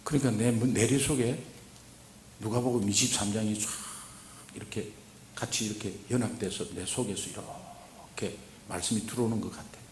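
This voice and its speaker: A man preaching at a revival, telling a story and then exhorting, moving from hushed recounting to loud urging. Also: fairly low pitch, fairly even intonation, normal speed, slight background noise. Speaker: guest preacher. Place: church sanctuary. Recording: echoey church hall.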